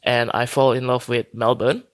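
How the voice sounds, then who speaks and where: A man's voice: medium pitch, level tone, moderate pace, dry recording. A man in his thirties from Indonesia, speaking as a guest on a remote interview, hesitant, with many fillers and restarts. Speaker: guest consultant. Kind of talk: casual interview talk.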